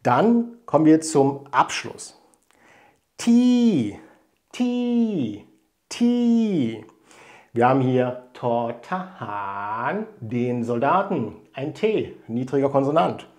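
A man teaching a language lesson, explaining words and tones slowly and carefully, step by step. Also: mid-range voice, animated.

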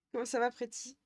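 A woman's voice: sits high, slightly rough. A young woman from the Jura chatting casually on a live stream, answering viewers' messages and laughing often. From Jura, France. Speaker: Twitch streamer.

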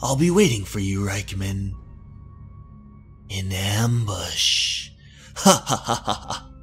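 A man's voice: fairly low pitch, expressive, takes it slowly, a bit bright, soft background music, pitched below the performer's own voice. A man playing a greedy, scheming male villain in a horror comic, gloating theatrically. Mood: sly, menacing.

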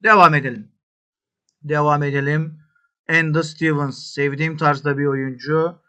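A man hosting a football management game, muttering to himself and then shouting cheers at his players, some in English. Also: fairly high pitch, little pitch movement, moderate pace, clean tone. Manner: talks to himself, swinging from mutters to yells. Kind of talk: excitable gameplay commentary.

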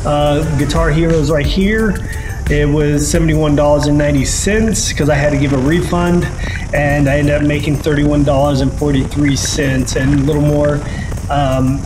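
A man casually narrating a motorcycle ride-along and going over his sales, relaxed and full of fillers. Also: a little high. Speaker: reseller vlogger. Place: on a motorcycle, outdoors on a highway.

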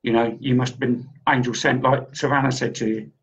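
A man's voice: mid-range voice, flat delivery, brisk. A man co-hosting, giving a casual spiritual reading in a rambling way and often repeating himself. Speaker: psychic reader and co-host. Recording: dull lo-fi audio.

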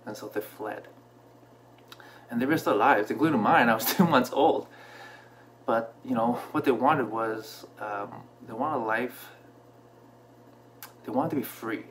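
A man in his thirties who grew up in Canada, telling a personal story to camera from a small room at home, relaxed and reflective, with many fillers. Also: medium pitch, unhurried, pauses often, slight background noise. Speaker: vlogger. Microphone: camera in front at desk distance.

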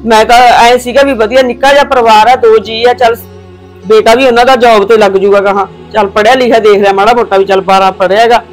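An actress playing an older mother who scolds her daughter's in-laws in a village family drama, sharp and indignant. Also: on the high side, steady tone, fast, soft background music, natural voice.

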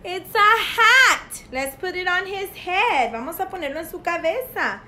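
A woman giving a bilingual speech lesson to a small child, talking in slow, exaggerated, sing-song teacher talk with a dry throat. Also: very high voice, lively intonation, pushed and bright, slight background noise. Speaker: speech therapist.

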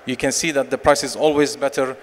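A company managing director in his forties gives a conference sales pitch and takes questions on a large expo stage, speaking into a handheld mic with lots of fillers and restarts. His tone is steady and his pace fairly quick. The recording has long hall reverb and faint noise.

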